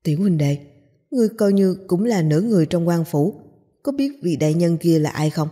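Woman voicing a loud, gossipy bald strongman. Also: fairly low pitch, expressive, brisk, husky. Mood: gossiping. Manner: loud, gossipy, raises his voice. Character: excitable bald burly middle-aged man.

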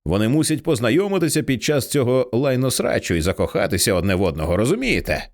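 A male narrator lightly puts on an edgy teenage girl in an audiobook, mocking and blunt, swearing offhandedly. The voice swings widely in pitch, rising high on her jabs. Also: big pitch swings, quick pace. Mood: wry, anxious. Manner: blunt, sarcastic, swears casually. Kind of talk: audiobook reading.

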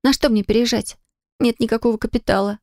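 A distressed young woman, pitched higher and pushed with breathless, pleading urgency, as a female audiobook narrator puts her on. The voice has a gravelly edge, recorded close and dry. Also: steady tone, fast, a little mellow, no echo, lightly acted. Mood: anxious. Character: anxious frightened young woman, Polina. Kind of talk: audiobook character voicing.

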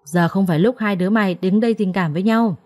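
A woman's voice: mid-range voice, fast talker, darkish tone, close to an everyday voice. A woman voicing a stern young male master of the house who speaks curtly. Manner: curt, scolding.

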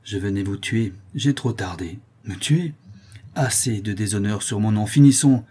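A stern aristocratic father, voiced by a man reading a storybook, cold and commanding, hurling accusations in a raised, forceful voice. The tone stays low-toned and husky underneath. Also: moderate pace.

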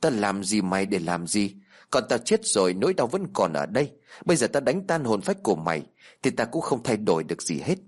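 A man's voice: fairly low pitch, very animated, a little fast. A man voicing a grieving old ritual master. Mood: bitter grief. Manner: bitter, choked-up, harsh.

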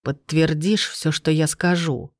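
An audiobook reader voicing a menacing scarred male bandit who speaks in a slow threatening growl, recorded dry. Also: mid-range voice, steady tone, no echo, close to an everyday voice.

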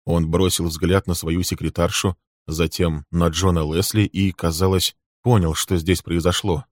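A man narrating an audiobook in a plain, steady reading voice. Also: low voice, unhurried, dry recording, studio quality.

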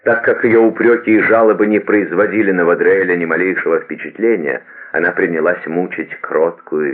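Very deep-voiced man reading a novel. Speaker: audiobook narrator. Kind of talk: novel narration. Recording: tinny phone-like lo-fi audio.

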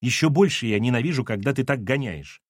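A man's voice: mid-range voice, expressive, a little fast, dry recording, studio quality, natural voice. A man voicing an irritated, snapping woman in an audiobook reading. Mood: scolding. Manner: snapping, exasperated. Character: sharp irritated woman, ex-wife.

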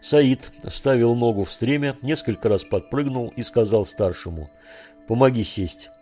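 A man narrating an adventure novel in a measured storytelling manner. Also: medium pitch, expressive, warm tone, soft background music. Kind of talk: audiobook narration.

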